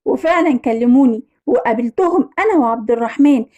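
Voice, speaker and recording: A woman with an Egyptian Arabic accent narrating a dramatic first-person story in a brisk manner. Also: high voice, expressive, warm tone, highs cut off.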